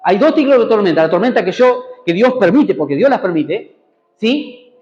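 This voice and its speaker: A man's voice: high-pitched, big pitch swings, normal speed, darkish tone, reverberant, dull audio. A man preaching a sermon in a church, prompting the congregation to repeat after him and answer amen. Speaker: pastor. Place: church hall.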